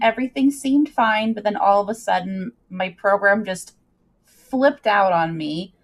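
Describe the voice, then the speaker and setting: A livestream host with a fairly low, fairly bright voice chats casually. She comes across as playful and bubbly, leaning on folksy turns of phrase, folksy greetings and sing-song muttering.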